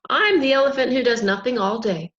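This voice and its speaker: A woman voicing a shy, contented storybook elephant who does nothing all day, speaking softly. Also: on the high side, lively intonation, a little fast, no room sound, muffled recording. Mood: shy, gentle.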